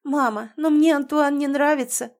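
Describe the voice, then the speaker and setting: A woman's voice: on the high side, very animated, moderate pace. Woman doing a dreamy, naive young girl. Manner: sighing and sincere.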